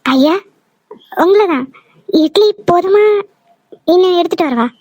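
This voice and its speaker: A woman voicing a feisty, teasing young village wife in a cartoon, with a sharp-tongued, lilting manner. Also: very high voice, normal speed, pitched above the performer's own voice. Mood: fretful. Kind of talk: cartoon voice acting.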